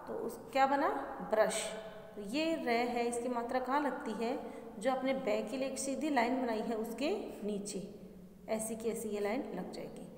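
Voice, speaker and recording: A woman teaching a Hindi grammar lesson to young children, speaking patiently, repeating words slowly and asking questions as she explains. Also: a little high, darkish tone. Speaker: primary school Hindi teacher. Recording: echoey room with long reverb.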